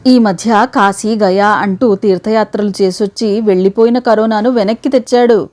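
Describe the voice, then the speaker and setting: A woman voicing a fretful, sharp-tongued older wife, sarcastic and anxious, in a read-aloud story. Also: a little high, moderate pace, lightly acted. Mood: anxious scolding.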